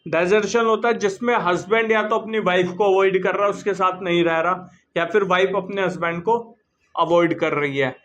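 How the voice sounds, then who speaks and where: A man teaching law in a classroom lecture, mixing in English legal terms and reading statute text slowly. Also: high-pitched, steady tone, fairly bright tone, muffled recording.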